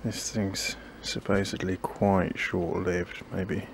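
A low, creaky male voice with little pitch movement speaks slowly. He's a gardening vlogger planting in his small backyard, chatting casually to camera, musing aloud, second-guessing himself and often trailing off. The outdoor recording carries noisy ambience.

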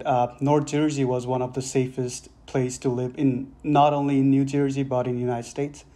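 A man's voice: medium pitch, dark tone. A young man from Nepal, a former student, answering interview questions with many hesitations. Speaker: alumnus. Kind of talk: video call interview.

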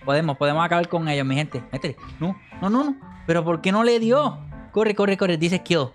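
A man commentating his own gameplay, excitable, shouting and laughing as he eggs himself on. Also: high voice, brisk, faint music behind. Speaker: gaming video host.

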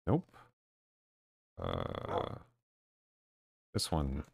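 Deadpan low-voiced male streamer. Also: extremely slow, vocal fry, husky, no echo, clean studio sound. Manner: low-key and deadpan, even when excited. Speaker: live streamer. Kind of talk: casual live-stream chat while gaming. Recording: noisy with clicking in the background.

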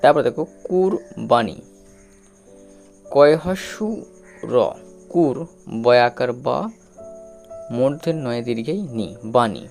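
A man with a gravelly, mellow voice works through a reading lesson, sounding out each syllable slowly and repeating it. He checks in often with the listener. Faint music plays underneath. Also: mid-range voice, lively intonation. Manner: slow, repetitive, drawn-out syllables with frequent checks. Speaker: teacher.

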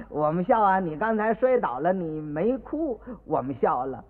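A man voicing indignant, bossy household stewards who talk loud and fast, heard on an old radio recording with long reverb. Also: high voice, very animated, narrow, tinny audio.

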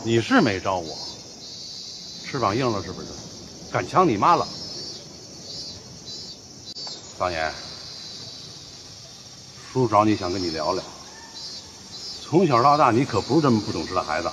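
A man's voice: lowish voice, very animated, background noise. An actor playing a stern, hot-tempered uncle who scolds a boy in a TV family drama. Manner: scolding, loud and fast. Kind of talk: TV period family drama acting.

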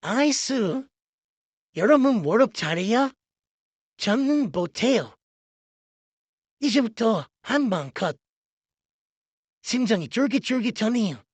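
Animated woman doing casual gameplay commentary, slightly husky. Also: fairly high pitch, slow, long pauses, no echo. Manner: exclamatory, repeats words in bursts. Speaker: gaming video creator.

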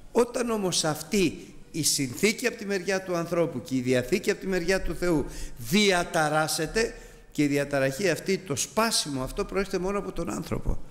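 A man's voice: a little high, big-room sound. A man teaching a Bible study as a sermon, earnest and emphatic, addressing his listeners as brothers.

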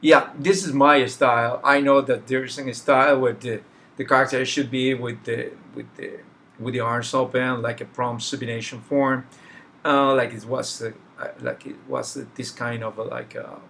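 A middle-aged native Spanish speaker with a Spanish accent streams himself sketching in a small room at home, chatting casually as he draws. He searches for words and uses many fillers and restarts. His gravelly, fairly bright voice is medium-pitched and level, at a normal speed.

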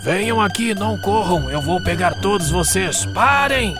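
A woman voicing a sly, greedy male wolf with a rough growling voice in a cartoon story. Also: mid-range voice, very animated, normal speed, loud music behind the voice, close to an everyday voice. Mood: menacing. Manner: menacing, tricky.

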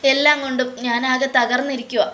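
Rahul, a guilt-ridden older father who begs and sobs, his words breaking off and restarting, read out by a woman in a fairly high voice. He sounds worn down by remorse. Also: flat delivery, sharp tone. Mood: grieving. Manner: tearful, begging, halting repetitions. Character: scheming older father, grief-stricken and pleading.

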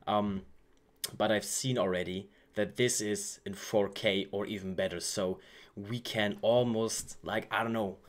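A man's voice: fairly low pitch, fairly even intonation, a little slow. A young man from Germany hosting a casual reaction video at home, gushing and repeating his words as he watches. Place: home room with shelves. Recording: music playing behind the voice.

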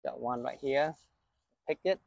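Gravelly and mid-range, this man's voice moves a little slowly with no echo. As a gardening channel host, he films a casual walkthrough of his outdoor vegetable garden on a handheld phone, chatting in a relaxed way and pointing things out while walking and harvesting.

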